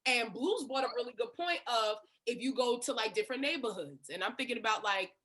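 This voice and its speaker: A woman hosting a casual panel discussion, chatty and quick to affirm her guests. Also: on the high side, expressive, fairly bright tone. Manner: chatty, frequent affirming interjections. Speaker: host.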